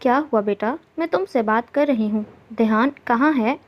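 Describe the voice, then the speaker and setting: A woman's voice: a little high, moderate pace, close to an everyday voice. A woman voicing a fond, fussy older aunt in a storybook reading. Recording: dull lo-fi recording.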